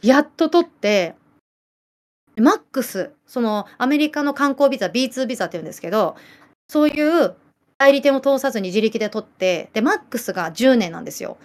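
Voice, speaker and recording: A woman in her late thirties with a bright, high voice and a Nagasaki island accent chats casually with her livestream viewers. She tells animated stories, giggles often, and reads out their comments. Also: fairly quick. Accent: Nagasaki island dialect. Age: late 30s. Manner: chatty, giggly, animated storytelling. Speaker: livestream host.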